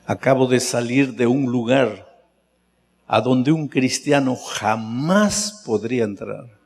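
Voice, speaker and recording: A male pastor voicing a tearful young man who pleads for help in a low, broken voice. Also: takes it slowly, a little mellow. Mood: despairing. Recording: long reverb of a large hall.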